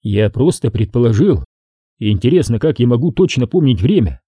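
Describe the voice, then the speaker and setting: A jittery scientist, defensive and uneasy under questioning, as a man reads him. The voice stays close to the reader's own, warm, husky and lively in pitch, with a dry close sound. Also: moderate pace, no echo. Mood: anxious. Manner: anxious, defensive. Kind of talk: audiobook character voice.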